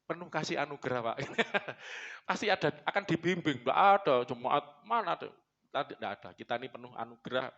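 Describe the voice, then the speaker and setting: A man preaches a sermon in church, blunt and full of jokes. His voice is bright and forceful and sits a little high for a man. The recording is dull and lo-fi. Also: lively intonation, fairly quick, gravelly. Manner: joking, blunt, mixes in Javanese phrases. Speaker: pastor.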